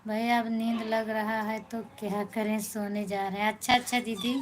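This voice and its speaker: A woman's voice: on the high side, flat delivery, normal speed, a little hiss or hum. A woman with an Awadhi accent, a folk singer chatting casually on a live stream, thanking viewers by name and answering their comments.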